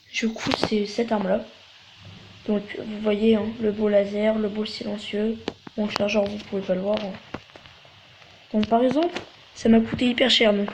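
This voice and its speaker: A woman's voice: medium pitch, noisy background. A woman hosting a gaming video, chatting casually to viewers and explaining things as she plays. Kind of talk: casual gameplay commentary.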